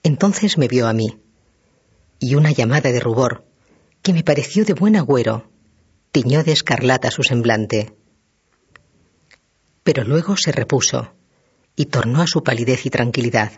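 A man with a husky voice narrating a classic novel as an audiobook, in a measured, dramatic reading. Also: medium pitch, lively intonation. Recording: dull lo-fi recording.

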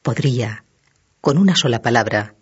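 A man reading the part of a desperate young widow who gravely confesses a crime. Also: mid-range voice, expressive, moderate pace. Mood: grave, despairing. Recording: dull lo-fi recording.

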